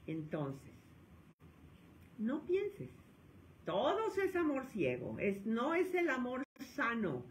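A woman psychologist with a Mexican accent giving a lecture, animated and acting out the scolding voices of parents. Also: a little high, slight background noise, poor audio.

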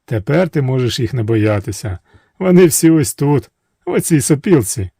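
A man voicing a brave young hunter hero who speaks calmly and firmly. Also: medium pitch, moderate pace, creaky, slightly rough, no room sound, clean studio sound, voice pushed up, exaggerated voice.

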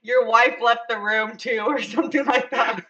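Bright playful woman on a dull mic. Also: a little high, normal speed. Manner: lively, laughs often, playful teasing. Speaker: co-host. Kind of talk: casual podcast chat.

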